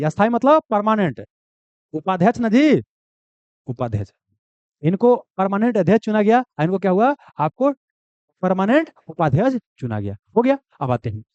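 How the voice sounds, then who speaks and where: Male coaching teacher, high and animated, drills answers by repeating them, dry, dull recording. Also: no echo. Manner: lively, repeats key answers, asks and answers own questions. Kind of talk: classroom lecture.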